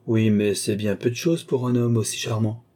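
A sly old marshal of the royal court, as a male reader puts him on, polite on the surface and ironic underneath. The voice sits low and dark, with a husky grain. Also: fairly even intonation, moderate pace, close to an everyday voice.

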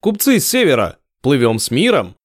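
A man's voice: medium pitch, wildly swooping pitch, normal speed, dry recording, clean studio sound. A man voicing a tense young male adventurer calling out across the water. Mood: shouting.

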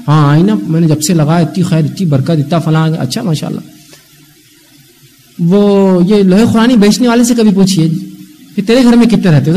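A man giving an Islamic religious lecture, talking animatedly and acting out the voices of people he describes. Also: high-pitched. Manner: animated, acts out scolding voices.

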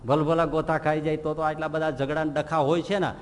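A man's voice: a little high, fairly quick. A man speaks, preaching and slipping into comic stories where he acts out each character. His sermon rings through a hall with a long echo, and faint noise sits underneath. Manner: lively storyteller, acts out characters' lines and chuckles at his own jokes. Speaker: swami giving a scripture discourse. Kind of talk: sermon with humorous anecdotes.

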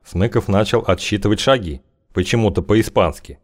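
A man reading an audiobook in measured, wry scripted narration. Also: fairly low pitch, a little mellow.

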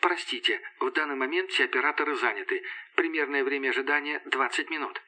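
A male narrator voicing an automated call-center answering message over a phone line, with a flat, mechanical delivery. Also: medium pitch, fast talker. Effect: automated phone-line message sound. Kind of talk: audiobook narration.

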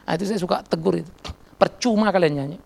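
Middle-aged male pastor, Indonesian accent, gravelly, blunt and teasing from the pulpit. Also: high-pitched, fast, a little mellow. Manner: blunt, teasing, acts out dialogues. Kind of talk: sermon.

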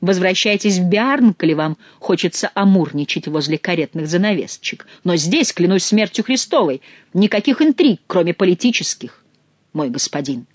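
A reader voicing a gruff, ever-grumbling male soldier who scolds bluntly and swears oaths. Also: medium pitch, big pitch swings, fairly quick, dry recording. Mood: scolding.

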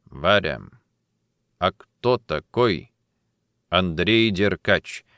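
A man's voice: expressive, drawn-out words, smooth, no room sound, studio quality, heavily acted. A male audiobook reader voicing a stern police major who questions coldly and insistently. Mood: probing. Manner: cold, insistent questioning, low and quiet at times. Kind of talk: audiobook character reading.

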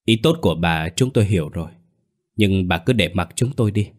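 A man's voice: deep voice, fairly quick. A man playing a stern, principled older father. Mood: calm, firm. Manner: calm, firm and reproachful.

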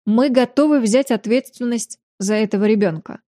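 A woman's voice: fairly high pitch, normal speed, warm tone, no echo, clean studio sound, natural voice. A woman voicing a composed, dignified middle-aged duke who speaks evenly and respectfully in an audiobook. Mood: calm.

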